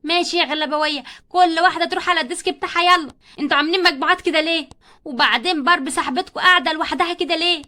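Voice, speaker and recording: A woman with an Egyptian Arabic accent voicing a strict female schoolteacher who scolds the class loudly and bossily. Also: extremely high pitch, very fast. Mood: scolding. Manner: loud, scolding, bossy.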